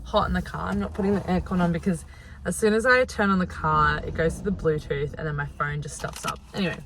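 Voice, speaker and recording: A woman's voice: lowish voice, fairly even intonation, fast talker, a bit bright. A young Australian woman chats casually and ramblingly to viewers, recorded on a phone camera inside a car. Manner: chatty, informal, rambling. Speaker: vlogger. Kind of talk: casual vlog chat to viewers. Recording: noisy phone camera audio.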